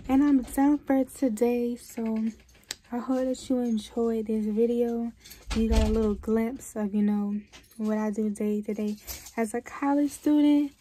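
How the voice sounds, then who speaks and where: A young woman in college vlogs her day on a handheld phone, chatting loose and slangy with her viewers. Her voice sits a little high. Clear background noise from around campus runs under it. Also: steady tone, measured pace, warm tone. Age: young adult. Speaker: college student vlogger. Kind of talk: casual vlog chat.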